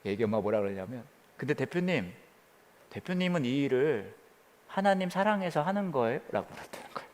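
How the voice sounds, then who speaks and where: A man preaching as a pastor, telling a story with quoted voices and dropping to a hush near the prayer. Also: medium pitch, very animated, fairly quick, in a large hall. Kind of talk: sermon. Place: church during the pandemic.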